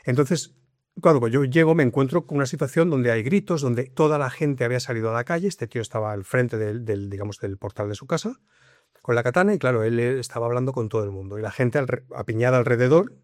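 A man's voice: mid-range voice, fast talker. A middle-aged man tells a story from his police work, slipping into the voices of the people in it. His voice sits in a middle register. The sound is close and dry, with no room echo. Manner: animated, acts out dialogue in his tale. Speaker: police officer telling a story. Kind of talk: conversational storytelling.

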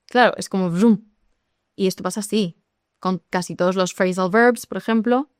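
Lively woman explaining. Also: medium pitch, moderate pace, clean tone, no echo, clean studio sound. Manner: lively, explanatory, addresses listeners directly. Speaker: English teacher. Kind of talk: podcast conversation.

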